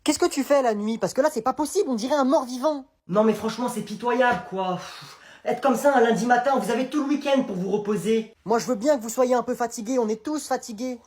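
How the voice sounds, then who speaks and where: A man's voice: very high voice, brisk, a little mellow, echoey room. A man voicing an exasperated female schoolteacher who scolds her tired class. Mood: scolding. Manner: scolding, sarcastic. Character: stern, exasperated female teacher.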